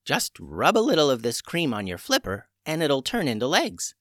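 A man voicing an old female witch healer who is brisk and matter-of-fact. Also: mid-range voice, huge pitch swings, a bit bright, no echo, studio quality, voice pushed up.

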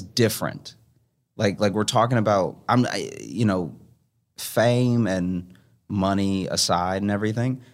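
A man with a deep, heavy, sonorous radio voice, speaking reflectively as an interview guest in a measured, searching way with pauses. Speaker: guest, stand-up comedian.

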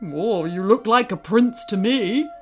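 A woman voicing a big, friendly male dragon who teases in a bold, loud way, with faint music behind. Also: mid-range voice, lively intonation, measured pace, close to an everyday voice. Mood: teasing.

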